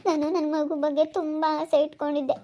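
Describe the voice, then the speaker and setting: A woman's voice: high-pitched, level tone, moderate pace, noisy background, close to an everyday voice. A woman voicing a young wife in an amateur family drama skit, tearful and reproachful over her lost baby. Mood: grieving.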